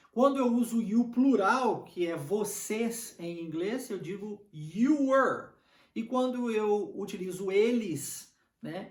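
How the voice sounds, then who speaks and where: A man with a Brazilian Portuguese accent teaching English grammar in a casual lesson, patiently explaining and slowly repeating example phrases. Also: high voice, roomy sound, recorded from a distance.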